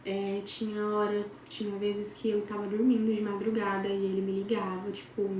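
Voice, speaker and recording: Brazilian woman storyteller, chatty and dramatic, warm low-key tone, recorded at a distance in a roomy space. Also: monotone, normal speed. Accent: Brazilian Portuguese. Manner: chatty, dramatic, talks straight to friends. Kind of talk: casual gossip storytelling. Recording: very echoey room, far from mic, faint noise.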